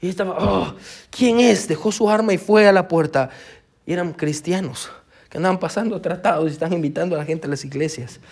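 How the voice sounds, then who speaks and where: A man's voice: a little high, fast talker, husky. A pastor preaching a sermon, telling a story with animation and calling his listeners brother. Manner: animated storytelling, acts out quoted voices.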